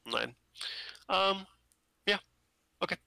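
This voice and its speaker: A man acting as game master, narrating a tabletop role-playing game in halting, improvised phrases. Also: sits high, lively intonation, gravelly, bright, forceful tone, dry recording.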